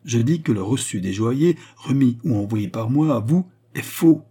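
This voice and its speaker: Storybook queen, stern and scornful, voiced by a man with a husky tone. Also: medium pitch, expressive, moderate pace, mellow, pitched above the performer's own voice. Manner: cold, cutting interrogation. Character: stern haughty queen, contemptuous and commanding. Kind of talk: audiobook reading.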